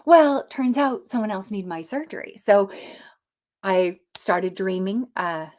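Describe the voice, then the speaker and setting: A woman from Canada telling her own story in casual talk, animated, with many fillers and restarts. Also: mid-range voice, unhurried. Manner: animated, acts out voices in quoted dialogue. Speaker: personal storyteller.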